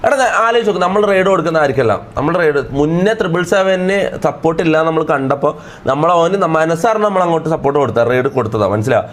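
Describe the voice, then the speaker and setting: A man's voice: fairly high pitch, expressive, rapid-fire. A man, ranting at his live-stream chat in an irritated, lecturing way and repeating himself. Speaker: livestreamer.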